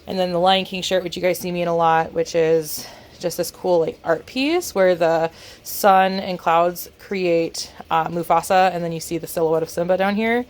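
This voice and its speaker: Congested lady rambling on her vlog, kinda low voice, dry sarcastic jokes. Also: normal speed. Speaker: vlogger. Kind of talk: casual vlog chat.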